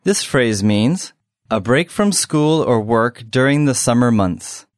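Guy teaching phrases, clear and steady, lively voice, dry studio sound. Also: medium pitch, no echo. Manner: clear, measured, explanatory. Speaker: language lesson host. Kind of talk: scripted lesson explanation.

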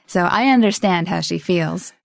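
A woman's voice: on the low side, moderate pace, vocal fry, no echo. Brief: female lesson co-host, easy conversational tone, dry close recording. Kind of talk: scripted lesson chat.

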